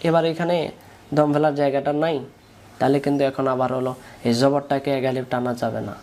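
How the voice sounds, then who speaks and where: Speaking quickly in a medium-pitched, slightly dark voice, a Bangladeshi Bengali-accented man teaches the rules of Quran recitation through call-and-repeat drills. He patiently works through syllables for his students to echo back, and there's a faint hiss or hum on the recording.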